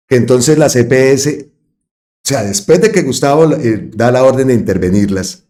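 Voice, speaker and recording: A man delivers a political commentary monologue as host of his own channel. He talks at a mid pitch for a man and leans hard on his points, repeating key phrases to drive them home. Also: darkish tone. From Colombia. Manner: emphatic, repeats phrases for stress.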